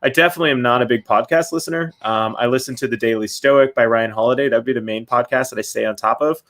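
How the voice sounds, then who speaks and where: A man's voice: medium pitch, quick pace, fairly bright tone. A man with a mid-range voice answers a podcast host's questions. He talks loosely and casually, with lots of ums and you-knows. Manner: loose, many fillers like um and you know. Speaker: guest, company CEO.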